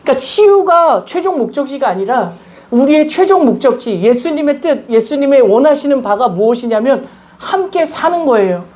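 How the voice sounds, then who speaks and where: This woman, a visiting pastor at a church service, addresses the congregation with repeated questions while earnestly recounting stories with emphasis. Her voice is high and animated with a darkish tone, and her pace is moderate.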